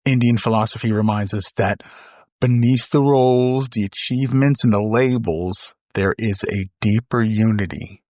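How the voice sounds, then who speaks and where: Earnest low-voiced man hosting a motivational podcast. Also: moderate pace, darkish tone, no echo. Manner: earnest, emphatic, repeats words for stress. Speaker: podcast host.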